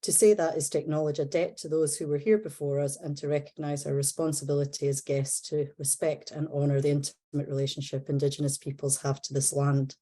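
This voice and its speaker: A Scottish woman with a low, mellow voice opens an academic seminar and introduces the guest speaker. She speaks carefully, pausing now and then on fillers. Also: little pitch movement. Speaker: seminar host.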